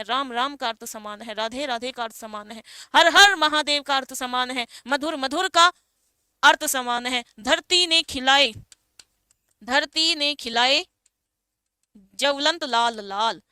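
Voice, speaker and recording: Woman, teacher, exam-prep lecture; high pitched, dry close sound, asks and answers her own questions. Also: sharp tone, clean tone, no room sound. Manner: explains with rhetorical questions, calls students beta and bhai. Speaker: Hindi teacher.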